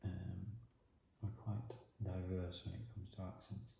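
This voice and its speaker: A jigsaw video host from Leeds, northern England, speaks with a strong Yorkshire accent in a low, gravelly voice at a measured pace, meandering and thinking aloud with many ums as he does a puzzle at the wooden table in his dining room. The camera faces the table with him off frame, and the very echoey room carries a little hiss or hum.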